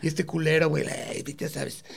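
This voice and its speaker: A Mexican-accented man tells a rambling anecdote in loose, profane slang, peppering every phrase with swear words. His voice sits high for a man. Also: flat delivery, normal speed, creaky. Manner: profane, slangy anecdote-telling with frequent "güey" and "cabrón". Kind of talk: casual chat, storytelling.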